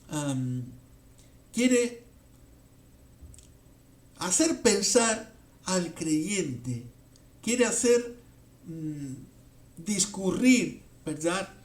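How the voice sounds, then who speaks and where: A man's voice: on the high side, echoey room. A man preaching a sermon as pastor, often checking in with his listeners and rising to emphatic questions.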